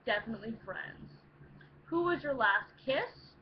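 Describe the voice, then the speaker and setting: Casting: young woman vlogger, high voice, tipsy rowdy rambling Q&A chat, slightly noisy lo-fi home sound. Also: animated, measured pace. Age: young adult. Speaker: vlogger answering Q&A questions. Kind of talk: casual rambling chat to viewers. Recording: dull lo-fi home recording, faint noise.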